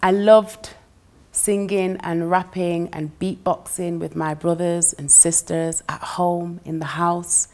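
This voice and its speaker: An English woman, appearing as a guest musician, chats in a relaxed interview, warm and talkative, laughing easily between phrases and saying "you know" a lot. Her voice sits on the low side, with little pitch movement and a slow pace.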